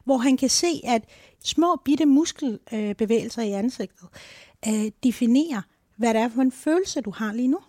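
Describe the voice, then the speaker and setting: A woman co-hosting a podcast, explaining mood psychology in a lively, talkative way, often ending with tag questions. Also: a little high, no room sound, studio quality. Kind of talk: casual explanatory chat.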